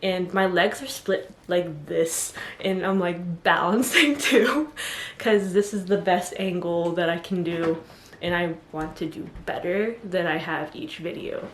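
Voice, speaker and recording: This woman's lowish voice has little pitch movement and an unhurried pace. She gives self-love advice as a vlogger, standing to camera in an indoor room and chatting in a rambling way laced with "like" and apologetic asides, a bit out of breath. The room is echoey, with a little hiss or hum.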